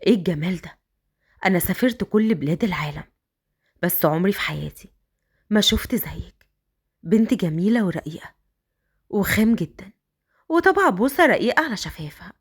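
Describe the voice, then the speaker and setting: A woman with an Egyptian accent voicing a smitten older rich man who coaxes in slow, drawn-out lines. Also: fairly low pitch, animated, pitched below the performer's own voice. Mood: coaxing. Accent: Egyptian Arabic.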